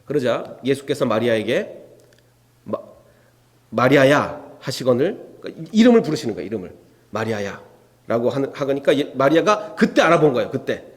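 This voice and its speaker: The long reverb of a church hall surrounds a male pastor delivering an expository sermon. Very animated and a little fast, his mid-range voice poses rhetorical questions to the congregation and shifts between characters as he performs biblical dialogue.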